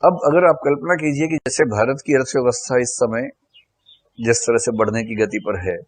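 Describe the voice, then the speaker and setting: A middle-aged male teacher lectures in a relaxed, conversational way, tossing in rhetorical questions as he explains. His voice sits at an ordinary pitch. The recording is dry and close, with almost no room sound. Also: normal speed, no room sound. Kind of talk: classroom lecture.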